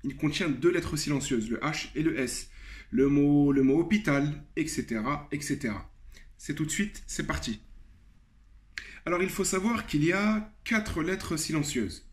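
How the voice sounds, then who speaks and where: A man with a fairly high voice teaches a lesson, walking through each point step by step. He slows down to repeat example words carefully and fills the pauses with hesitations. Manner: explains step by step, repeats example words slowly, frequent fillers. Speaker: Arabic teacher. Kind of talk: video lesson.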